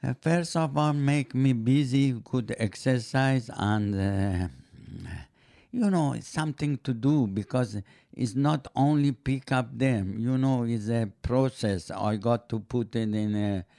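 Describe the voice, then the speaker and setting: An older man, not a native English speaker, chatting on a podcast in halting, broken English with many fillers. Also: medium pitch, mellow, dry recording, studio quality. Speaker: podcast guest, host's father. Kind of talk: casual chat.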